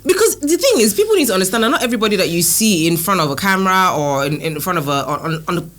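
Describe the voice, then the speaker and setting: A woman's voice: mid-range voice, very animated, fast, a bit bright. A woman with a Nigerian accent co-hosting a casual chat, candid and emphatic, often quoting her own thoughts. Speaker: podcast co-host.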